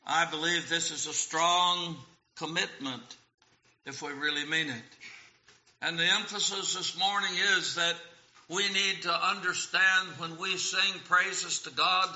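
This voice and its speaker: A man preaching a sermon on the words of hymns, quoting lyrics and scripture in a slow, deliberate way. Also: sits high, fairly even intonation, bright, forceful tone. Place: church sanctuary. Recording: roomy, dull lo-fi church recording.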